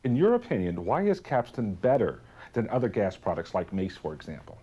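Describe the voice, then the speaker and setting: A man with a fairly low, mellow and husky voice works as an infomercial interviewer. His questions move with very lively intonation. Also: brisk.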